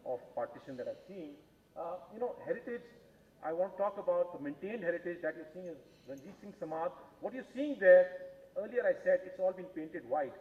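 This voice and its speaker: Guy w posh indian accent giving an earnest talk, kinda high voice, echoey room. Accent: educated, posh Indian English. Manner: earnest, emphatic, often adds "right?" as a tag. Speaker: guest speaker giving a heritage talk with slides. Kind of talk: public lecture with personal anecdotes. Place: indoor talk venue at a festival. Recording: muffled, roomy hall sound with noise.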